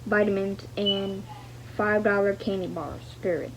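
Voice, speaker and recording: In a steady, mid-range voice and at a slightly slow pace, a woman learning to read aloud works haltingly through a novel. She stumbles, repeats bits of phrases and pronounces the punctuation, captured on dull, faintly noisy lo-fi audio.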